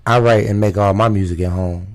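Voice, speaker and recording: A man from Chicago with a raspy voice that sits on the low side. He talks loose and street-casual, piling up fillers and restarts as a guest on a radio show. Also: steady tone, brisk. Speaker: guest rapper. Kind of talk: radio interview.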